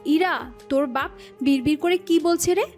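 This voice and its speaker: A woman's voice: sits high, moderate pace, darkish tone, soft background music. A woman voicing a playful, affectionate young wife in an audio love story, sweet and teasing. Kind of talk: audio drama dialogue.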